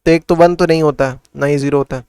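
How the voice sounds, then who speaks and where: Maths tutor, male, slightly high crisp voice, talks through sums in Hindi-English, dry close recording. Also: fairly even intonation, fast, a little mellow, dry recording. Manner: asks and answers his own questions. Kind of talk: casual classroom explanation.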